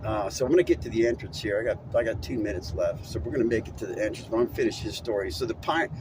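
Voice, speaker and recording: A man's voice: on the low side, rapid-fire, noisy background. Chatty middle-aged man rambling while driving. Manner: rambling, chatty, laughs at his own story. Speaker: vlogger telling a story. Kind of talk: casual storytelling monologue while driving. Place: inside a moving vehicle.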